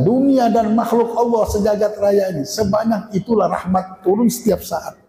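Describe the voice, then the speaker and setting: A man's voice: gravelly, mellow. A man preaching a sermon in a mosque, retelling stories and acting out the quoted dialogue. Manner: acts out quoted dialogue with shifting pitch. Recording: echoey mosque hall with long reverb.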